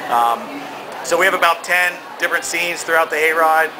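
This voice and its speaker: A man's voice: on the high side, normal speed, background noise. A middle-aged American man talking casually in an interview, rambling and repeating himself with emphasis. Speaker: haunted attraction founder being interviewed.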